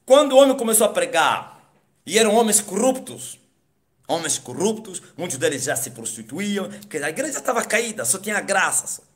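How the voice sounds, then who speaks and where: A man preaches his own testimony in a somewhat high voice. He swings between loud, excited exclamations and quiet, hushed asides. He peppers his story with hallelujahs. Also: a little fast. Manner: peppers speech with hallelujahs and laughs. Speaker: apostle giving his testimony.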